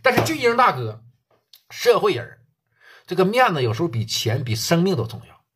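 A man's voice: fairly high pitch, sing-song, fairly quick, fairly bright tone, slightly rough. A man telling a gangland story in a colloquial, earthy and crude way. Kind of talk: oral storytelling.

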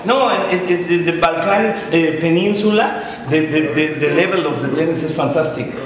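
Older guy asking questions in broken english, fairly high voice, echoey room from far off. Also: moderate pace, noisy background. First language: Spanish. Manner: broken English mixed with Spanish, animated gestures, laughs often. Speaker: sports TV interviewer. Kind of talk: casual interview.

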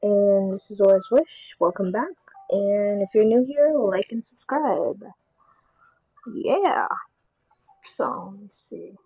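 Southern woman, art vlog host, soft husky voice, slow self-muttering commentary, dry dull home mic. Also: mid-range voice, no echo. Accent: Southern American. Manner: relaxed, talks to herself while painting, mutters and whispers. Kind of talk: casual painting vlog commentary.

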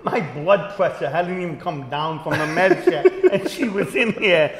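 A man's voice: sits high, big pitch swings, a little slow. A man co-hosting a comedy talk show, chatting casually and often laughing mid-sentence. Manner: chatty, laughs while talking. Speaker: co-host. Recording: echoey room with faint hum.

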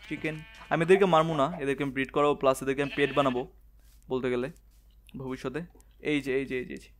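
A young man, quietly commentating his gameplay in a soft, hushed voice late at night. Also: medium pitch, a little hiss or hum. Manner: talks softly and quietly, late-night hush. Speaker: gamer channel host.

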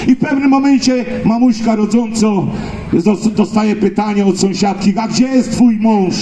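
A man's voice: high voice, normal speed, mellow, slight background noise. A man with a Silesian accent telling folksy comic stories to a live audience, exclaiming and repeating phrases as he addresses the crowd. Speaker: stage entertainer and singer. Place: live stage at a picnic event. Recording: echoey live PA with music.

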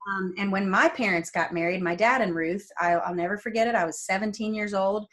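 A woman from New Jersey tells stories about her family, playing the voices of relatives as she goes. She speaks over a video call with a webcam from a room at home, and her pitch sits in the middle of the usual range. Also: a little fast. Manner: animated storyteller who acts out quoted family members. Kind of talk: casual faith interview.

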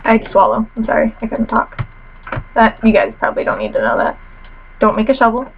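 A woman's voice: fairly high pitch, very animated, quick pace, gravelly, phone-quality sound, a little hiss or hum. A teenage girl commentating her own game casually, chatty and self-mocking with playful trash talk, a little sniffly after a cold, in her bedroom at home. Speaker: gamer commentator.

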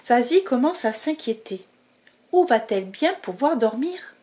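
A woman reading a picture book aloud to children, slow and expressive, talking to her young listeners. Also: a little high, a little hiss or hum. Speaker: storyteller.

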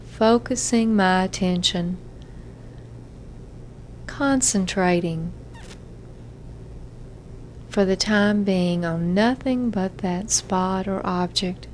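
Gentle and measured, a woman therapist leads a self-hypnosis relaxation session, pausing frequently as she gives instructions. Her voice is mid-range, and a bit of hiss or hum runs through the audio.

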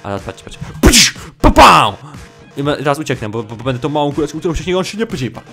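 A man giving casual gameplay commentary as a gaming YouTuber, excitable, swearing freely and swinging from low mutters to shrill yelps. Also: rapid-fire, soft background music.

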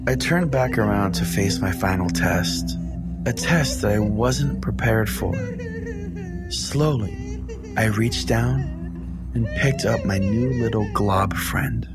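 A man with a fairly low voice speaks slowly as host of a comedy podcast, offering comic dramatic storytelling and show chat in a theatrical, mock-solemn manner. Music plays in the background.

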